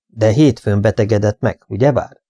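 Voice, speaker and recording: A man reading an audiobook, playing a dry, measured older detective who asks careful questions. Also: on the low side, mellow, no echo, natural voice.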